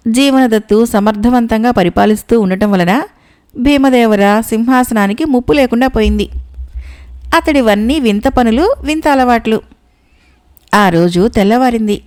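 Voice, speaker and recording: A woman narrating a folk tale audiobook with steady storytelling delivery. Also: fairly high pitch, measured pace.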